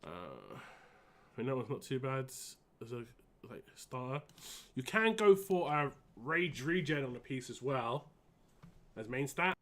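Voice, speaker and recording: A man live-streaming a game in casual, rambling and halting chat, wheezy and short of breath with a cold. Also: medium pitch, sing-song, fairly bright tone.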